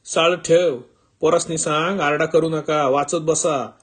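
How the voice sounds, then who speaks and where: A man voicing a friendly, humble young village schoolteacher who speaks simply and loudly, with a rural Marathi village accent. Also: a little high, steady tone, a little slow, breathy edge. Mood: cheerful. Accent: rural Marathi village dialect. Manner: simple rustic speech, raised voice. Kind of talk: storytelling reading.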